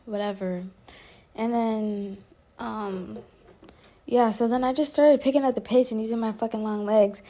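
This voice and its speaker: A young adult woman telling a story to her viewers in a casual, animated vlog, laughing often and filling her speech with "like". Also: a little high, unhurried. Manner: animated, chatty, laughs often, heavy use of "like". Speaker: vlogger.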